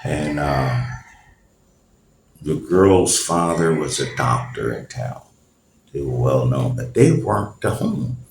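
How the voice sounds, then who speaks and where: A man's voice: very deep voice, very animated, slow, vocal fry, long pauses. A middle-aged man hosting a podcast and telling a story in a casual, slangy way, talking straight to his listeners and chuckling. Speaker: podcast host. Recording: roomy echo, faint noise.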